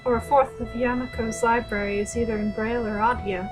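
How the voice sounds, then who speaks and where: A woman's voice: a little high, level tone, fairly quick, music in the background, close to an everyday voice. A woman voicing a flustered young woman librarian who rambles nervously in a visual novel reading. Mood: fretful.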